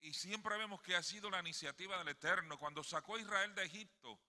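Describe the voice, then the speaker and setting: Preaching in a sanctuary, a man from Puerto Rico delivers his sermon forcefully and briskly in a high, bright voice. He keeps checking for agreement from the congregation with tag questions, and the hall's reverb lingers long.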